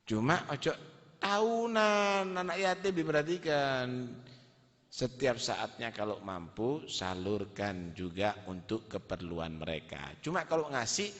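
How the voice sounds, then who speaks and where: A man's voice: mid-range voice, animated, measured pace, fairly bright tone. A male preacher telling a sermon story in a dramatic, emphatic way. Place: large hall at a religious gathering. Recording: reverberant hall.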